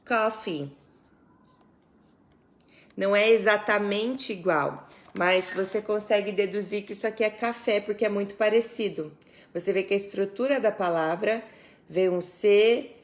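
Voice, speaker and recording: A Brazilian woman teaching English on a live stream, chatty and quick to laugh, greeting viewers by name between explanations. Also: medium pitch.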